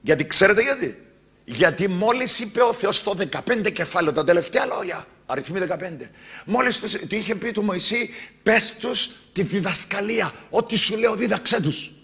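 A male pastor with a Cypriot Greek accent delivers a sermon in a high, very bright and piercing voice. He swings from loud, exclaimed declarations down to quiet, low asides. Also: lively intonation, husky.

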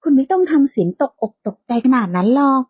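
A woman's voice: high voice, very animated, fast talker, breathy edge, dry recording, exaggerated voice. A woman voicing a bold, playful young woman who likes to tease, in a lightly lo-fi, dry recording. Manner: playful and outspoken, bright and teasing.

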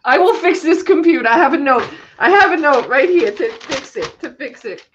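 A woman's voice: sits high, expressive, moderate pace, lo-fi sound, a little hiss or hum. A woman co-hosting a live stream over a video call, chatting casually and laughing a lot. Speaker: co-host. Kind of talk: casual chat. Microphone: webcam video call.

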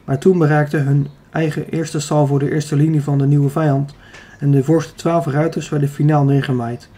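A man's voice: on the high side, moderate pace, breathy edge. A man reading a youth adventure novel aloud as an audiobook narrator, telling it steadily and evenly. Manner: steady, even storytelling. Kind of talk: scripted narration.

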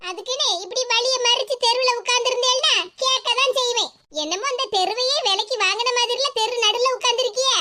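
A woman voicing a stubborn, quick-tongued young daughter-in-law in a cartoon, with a Tirunelveli Tamil accent and sharp retorts. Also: very high-pitched. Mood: defiant. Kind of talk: cartoon comedy voice acting. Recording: loud background hiss.

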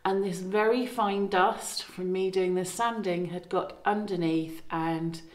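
Holding her phone at arm's length, a middle-aged vlogger chats casually about the farmhouse she's renovating, drifting and self-correcting as she talks. She has a lowish, steady voice and a measured pace, and the old house adds a roomy echo.

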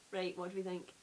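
A woman's voice: fairly low pitch, a little mellow, low-quality recording. Scottish woman in her thirties, chatty co-host, sofa chat, faint hiss. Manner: chatty, enthusiastic. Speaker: beer review co-host. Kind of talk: casual chat. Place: living room sofa, indoors.

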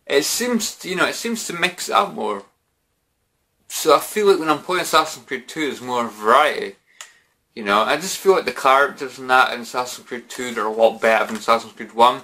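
A young British man talks to the camera in a casual, drunken ramble. His voice is mid-pitched and bright, with a forceful edge. He circles back over his points and throws in mild swearing and filler phrases. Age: 20s. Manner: repetitive, rambling, peppered with "you know" and mild swearing. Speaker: gaming vlogger. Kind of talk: casual vlog chat to camera. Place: small bedroom, indoors.

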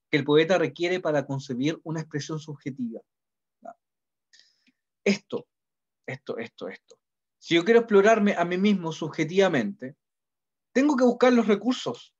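Chilean teacher lecturing, lo-fi sound. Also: male voice, on the high side. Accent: Chilean Spanish. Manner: conversational, repeats ¿ya? to check in with students. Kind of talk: classroom lecture. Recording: dull lo-fi sound.

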